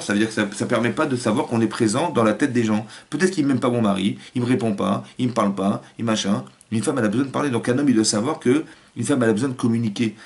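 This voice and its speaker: A rabbi with a medium-pitched voice gives an animated Torah lecture, acting out family voices and often restarting his phrases.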